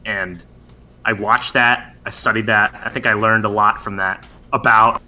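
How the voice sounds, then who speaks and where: A man who drafts for his team, rambling in a casual post-match chat, animated and joking, with frequent fillers. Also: on the low side, a little slow.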